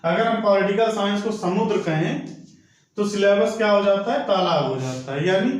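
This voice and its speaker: Guy giving an exam prep lecture, kinda high voice, asks himself questions, big echo. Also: moderate pace. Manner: explains patiently, asks and answers his own questions. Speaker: teacher. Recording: very echoey room.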